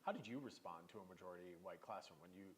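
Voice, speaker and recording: A man's voice: low voice, quick pace, slight background noise. A man hosting a live interview, giving short supportive replies and casual questions. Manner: supportive, brief affirmations, casual. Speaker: interviewer, host. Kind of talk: conversational interview.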